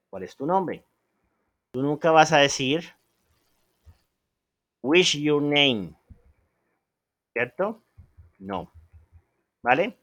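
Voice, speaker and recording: A man teaching an English lesson on video, animated and emphatic, slowing down to stress example phrases. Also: a little high, no echo, studio quality.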